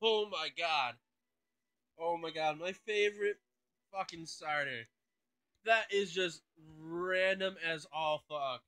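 A man's voice: fairly high pitch, takes it slowly, bright, forceful tone, clear, resonant tone. A man hosting a gaming channel, thinking aloud and swearing casually through let's play commentary.

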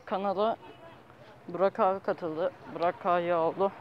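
A young adult man vlogging casually as he walks, talking in halting, rambling fragments and often correcting himself. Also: high voice, fairly even intonation. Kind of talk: casual walking vlog. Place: outdoors, walking on city streets. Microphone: handheld phone at arm's length. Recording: dull handheld phone, outdoor street noise.

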